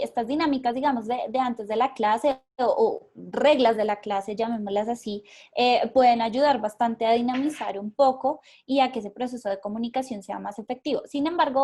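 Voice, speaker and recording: A woman's voice: on the high side, fairly even intonation, brisk, few pauses, warm tone. A Colombian woman leading an online workshop, explaining step by step with many fillers and repeated words. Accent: Colombian Spanish. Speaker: workshop facilitator. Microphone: video call.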